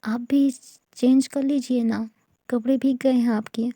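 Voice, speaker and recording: A woman voicing a sleepy, childish young woman who whines and stammers, with a gravelly, dark tone. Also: fairly high pitch, fairly even intonation, unhurried, no room sound, clean studio sound. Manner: whiny and stammering.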